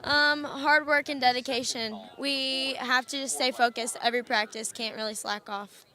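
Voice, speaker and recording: A young woman in her late teens, a high school athlete, answering casually in a sports interview. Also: fairly even intonation, moderate pace, pushed and bright. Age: teens, nearly adult. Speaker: high school volleyball player being interviewed.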